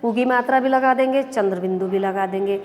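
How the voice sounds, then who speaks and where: A woman schoolteacher giving a recorded lesson to young pupils, explaining slowly and patiently with repeated examples. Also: medium pitch, darkish tone. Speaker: school teacher. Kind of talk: recorded online class lesson. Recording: long reverb of an echoey room.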